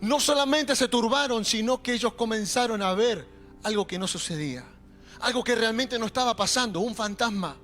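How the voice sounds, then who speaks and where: A young adult man preaching a sermon in a Rioplatense accent, animated and calling out to the congregation. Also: very high voice, moderate pace. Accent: Rioplatense Spanish. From Argentina. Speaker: pastor. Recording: faint music behind.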